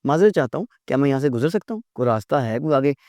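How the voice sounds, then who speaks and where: A man teaching a lecture, conversational and animated, acting out rude and polite phrasings for his listeners. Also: medium pitch, rapid-fire, no echo. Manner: conversational, addresses listeners as "yaar" and "bhai". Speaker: English teacher.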